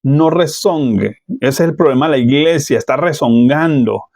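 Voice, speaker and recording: A man's voice: mid-range voice, fairly quick, a little mellow, dry recording, clean studio sound. A middle-aged man with a Colombian accent preaching a sermon in a conversational way, full of rhetorical questions. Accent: Colombian Spanish.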